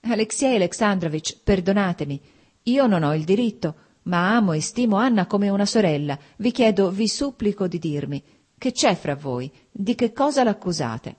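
A woman's voice: mid-range voice, lively intonation, moderate pace, darkish tone, voice pushed up, lightly acted. A woman reading the part of a distressed married woman who pleads urgently for her friend in an audiobook. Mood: pleading.

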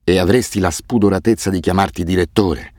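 A man's voice: very deep voice, moderate pace, gravelly, darkish tone, dry recording, clean studio sound, exaggerated voice. A man doing a curt, scornful guide. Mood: contemptuous. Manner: curt, contemptuous. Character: blunt, scornful male driver and guide.

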